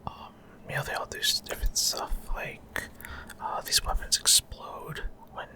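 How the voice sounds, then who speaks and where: In this whispered ASMR gameplay commentary, a man who makes gaming videos speaks breathily and never raises his voice, explaining things haltingly in brief, improvised bits.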